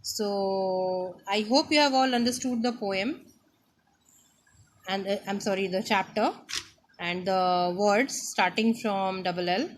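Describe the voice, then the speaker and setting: A woman's voice: mid-range voice, slight background noise. A woman who teaches a young primary class, reading a simple poem aloud line by line and explaining its words, often checking with "right?". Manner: slow, explains words and keeps asking "right?". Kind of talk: online class lesson.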